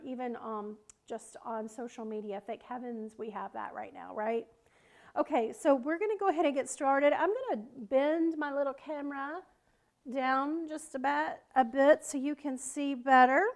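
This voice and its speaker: A woman with a Southern American accent teaching wreath making on a live stream, chatting with viewers and greeting them by name as she works. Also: a little high. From South Carolina, United States. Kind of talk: live-stream craft tutorial.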